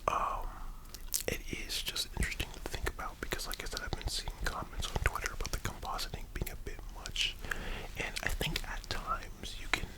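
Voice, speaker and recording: Soft library whisper, unvoiced, casual ASMR host, rambling, thinking aloud. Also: brisk, low-quality recording. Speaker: host of an anime and manga discussion.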